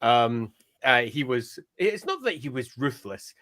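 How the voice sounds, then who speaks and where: A man co-hosting a casual podcast, wry and quick when reading listener comments. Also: medium pitch, very animated, fairly bright tone. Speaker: podcast co-host. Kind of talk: casual chat.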